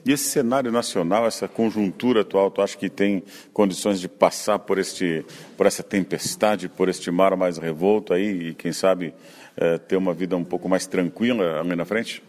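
A man's voice: low-pitched, steady tone, normal speed, a little mellow. A man hosting a rural radio program, interviewing people on site in a conversational way. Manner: conversational, leading questions.

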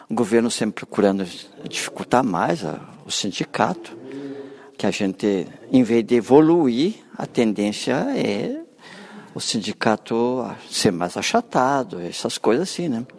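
A man's voice: medium pitch, lively intonation, unhurried. A man answering interview questions about a union meeting, rambling and often adding "né?". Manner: rambling, frequent "né?".

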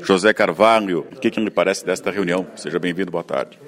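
Deep-voiced radio host. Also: male voice, fairly quick, fairly bright tone. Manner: conversational, leading questions. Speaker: rural radio program host. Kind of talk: on-site radio interviews.

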